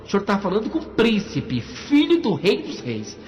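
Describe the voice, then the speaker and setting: A man voicing a persistent ten-year-old churchgoing boy, talking in a raised, childlike pitch. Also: wildly swooping pitch, normal speed, roomy sound, long reverb tail, slight background noise. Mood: proud.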